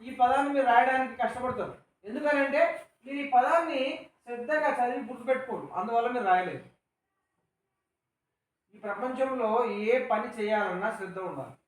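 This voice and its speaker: A man's voice: very high voice, recorded from a distance. Male schoolteacher, Telangana accent, patient call-and-response lesson, recorded from across an echoey classroom. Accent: Telangana Telugu. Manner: patient, explains words and asks questions. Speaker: teacher.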